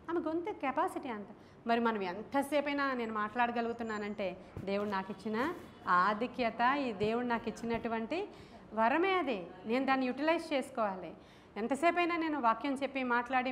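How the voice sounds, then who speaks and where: Woman pastor preaching with a higher voice. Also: slight background noise. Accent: Telugu. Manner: asks the congregation questions. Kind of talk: sermon. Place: church.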